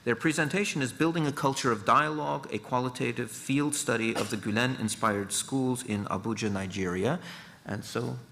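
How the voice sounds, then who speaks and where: A man moderating an academic conference, introducing speakers in a hesitant, measured way with pauses. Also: mid-range voice, creaky, a bit bright.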